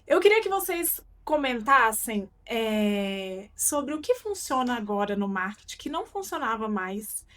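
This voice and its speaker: Woman podcast host, high voice, enthusiastic, exclamatory. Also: very animated, unhurried, hardly any pauses, fairly bright tone. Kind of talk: casual interview.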